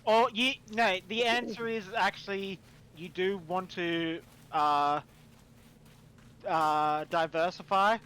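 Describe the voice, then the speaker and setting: A man running a tabletop game over voice chat, explaining his setting in a relaxed, chatty way. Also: sits high, takes it slowly, smooth, low-quality recording. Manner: relaxed, explains setting rules while eating. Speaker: game master.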